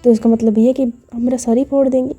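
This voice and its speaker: This is a sulky young woman who scolds her partner with sharp retorts, as a woman storyteller puts her on. The voice sits a little high but sounds very mellow and husky. Faint music plays behind her. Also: level tone, quick pace. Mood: scolding.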